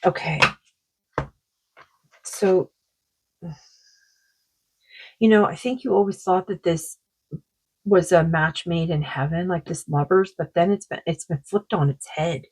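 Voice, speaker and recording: A woman doing a tarot card reading, talking in a slow, meandering way, her throat sore. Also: lowish voice, darkish tone, slightly rough, low-quality recording. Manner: slow, meandering, full of likes and you-knows. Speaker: psychic card reader.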